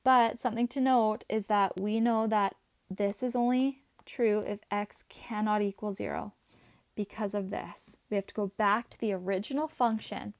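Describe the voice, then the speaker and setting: A woman teaching a math class, chatty and talking her students through each step as she writes, her voice a little hoarse. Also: medium pitch, fairly even intonation, moderate pace, no room sound. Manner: chatty, talks while writing, asides to students. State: voice going, slightly hoarse.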